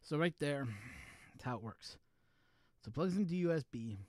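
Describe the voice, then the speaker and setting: Hosting a casual live stream, a man rambles chattily to his viewers while tinkering with gear on a wireless USB mic. His slightly high, a little mellow voice has lively intonation at a normal speed, with no echo.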